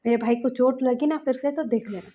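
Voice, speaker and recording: A woman's voice: high-pitched, a little fast, highs cut off, close to an everyday voice. A woman voicing a hot-tempered young man who scolds and threatens to protect his younger brother. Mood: angry, protective.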